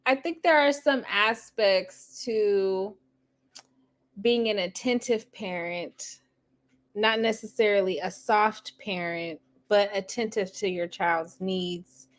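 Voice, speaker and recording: A woman guest, a priestess, speaking in a reflective, measured way in a casual online chat. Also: mid-range voice. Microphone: video call.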